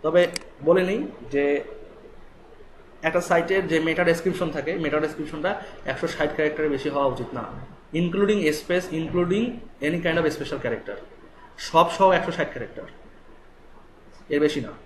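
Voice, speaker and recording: A man with a Bangladeshi Bengali accent leads a live coding lesson, rattling through explanations at a quick clip and pausing to ask if everyone follows. His voice sits a little high. The room echoes around him and a faint hum of ambience stays in the background. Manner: rapid, explanatory, asks students checking questions. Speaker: web development instructor.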